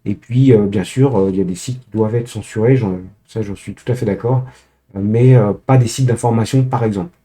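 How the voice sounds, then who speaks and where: A man's voice: lowish voice, brisk, dark tone. A man presenting a screen-share tech tutorial, speaking to viewers directly, hesitant with many filler sounds and restarts.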